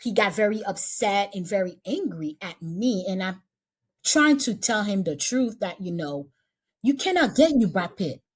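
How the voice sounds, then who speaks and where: A woman's voice: medium pitch, animated, normal speed, husky. A woman casting director chatting in an interview, repeating and restarting her phrases as she talks. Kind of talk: casual interview chat.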